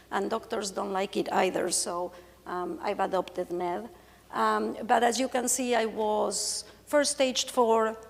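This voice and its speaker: A slightly high, creaky female voice belongs to an Argentine woman in her forties, a native Spanish speaker with an Argentine accent. Speaking as a patient, she gives a candid, joking conference talk from the stage of a large hall, and the recording carries a long hall reverb.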